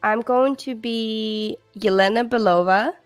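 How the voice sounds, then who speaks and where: A woman hosts a casual live stream from home, chatting in an excitable, chatty way. Her voice sits a little high. The sound is dry and close. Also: measured pace, smooth, dry recording, soft background music. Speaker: stream host.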